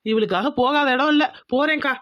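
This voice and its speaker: A woman's voice: sits high, brisk, fairly bright tone. A woman voicing a teasing young cartoon husband. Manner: teasing, joking. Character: easygoing young husband, village man.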